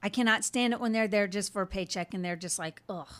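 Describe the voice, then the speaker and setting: A woman's voice: medium pitch, fast, fairly bright tone. A middle-aged woman hosting a casual podcast chat, candid and laughing, sometimes losing her thread mid-question. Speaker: podcast host.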